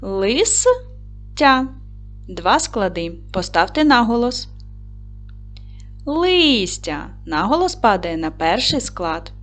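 A woman teaching a video lesson to young schoolchildren, dictating clearly and guiding them step by step. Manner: slow, clear dictating tone with lively pitch.

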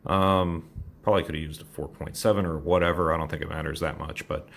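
This man talks fast in a bass voice that is a bit bright, with vocal fry and a steady tone, and there is slight background noise. He rambles through a casual walkthrough of his electronics hobby mod, self-deprecating as he works at a home workbench with computer gear.

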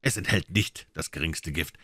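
A man's voice: low-pitched, moderate pace, bright, forceful tone, no echo, full character voice. A man voicing a suave, amiable and mocking male detective in a crime audiobook. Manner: smooth, amiable, ironic.

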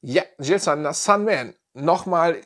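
Enthusiastic fragrance reviewer, fairly high voice. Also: male voice, animated, slow, a bit bright. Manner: enthusiastic, repeats slang praise like "nice" and "geil". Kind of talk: casual product review.

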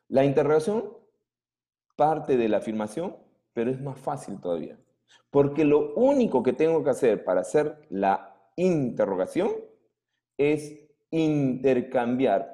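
Mellow man teaching, lively pitch. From Peru. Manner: patient, keeps checking students follow. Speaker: English teacher. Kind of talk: classroom grammar lesson.

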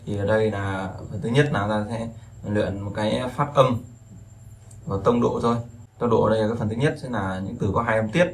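A man's voice: lowish voice, brisk. A man teaching a language lesson in a casual, rambling way, with many fillers and repeated words. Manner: relaxed, rambling, with frequent fillers and repetitions. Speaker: Chinese teacher.

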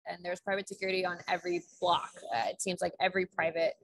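A woman's voice: on the low side, little pitch movement, fast. A young woman on a video call using an earbud headset, speaking casually and often saying "like.". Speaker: panelist.

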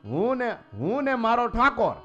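A man's voice: extremely high pitch, wildly swooping pitch, moderate pace, fairly bright tone, dull audio, faint music behind, voice pushed up, full character voice. A man playing a humble, unlettered old male devotee who proclaims his devotion fervently.

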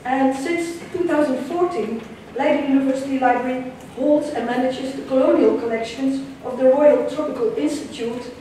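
A woman with a Dutch accent gives a conference talk in a somewhat high, warm voice, measured but full of ums and restarts. A room camera at the back of a large lecture hall with an audience captures her from far off, adding heavy echo and a faint hiss of room noise.

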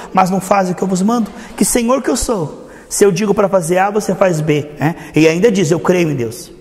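Pastor, male, high voice, preaching a sermon with acted-out exchanges, long hall reverb. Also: darkish tone.

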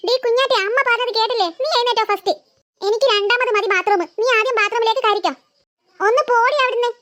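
Lady doing tiny bickering cartoon sisters, super high and quick. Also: fairly bright tone. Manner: whiny, quarrelsome bickering. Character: two squabbling little schoolgirl sisters.

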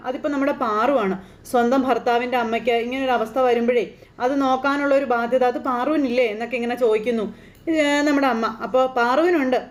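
A woman casually retelling the plot of a TV serial episode, quoting the characters as she goes. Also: a little high. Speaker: serial recap narrator.

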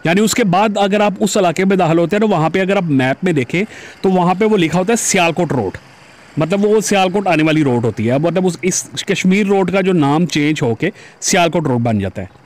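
A man from Pakistan gives casual, chatty commentary as he rides his motorbike through crowded city streets, recorded by a camera on his helmet. His voice is high and briskly paced with lively intonation, and he refers to viewers as "janab".

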